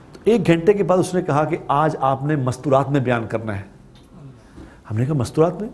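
A man's voice: a little high, darkish tone. A man from Pakistan giving a religious talk, telling a story with repeated phrases for emphasis. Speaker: preacher.

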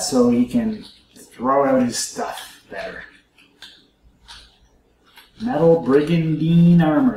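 A man's voice: mid-range voice, mellow, roomy sound, a little hiss or hum, rough recording. A man hosting a let's play, musing aloud to his viewers in casual gameplay commentary.

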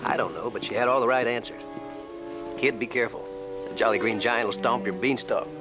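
An actor playing a wry, easygoing American stuntman in a TV action drama, talking haltingly and dryly joking. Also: mid-range voice, close to an everyday voice, low-quality recording. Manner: halting, wisecracking. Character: wry, easygoing stuntman who hunts bounties. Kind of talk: 1980s TV action drama dialogue. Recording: TV soundtrack with loud music.

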